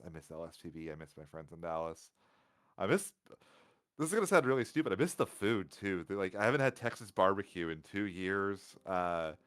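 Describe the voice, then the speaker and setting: A man's voice: low-pitched, a bit bright, clean tone. A man co-commentating a tournament stream from another time zone, chatty and rambling, with frequent restarts. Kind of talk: casual stream commentary chat.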